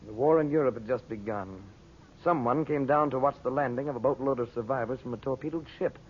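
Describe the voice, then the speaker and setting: Radio serial leading man male actor: ardent, earnest magician, intimate measured delivery, mid-range voice, dull old recording with rumble. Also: close to an everyday voice. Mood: earnest, intent. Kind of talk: 1940s radio serial acting. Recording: muffled, noisy vintage radio recording with rumble.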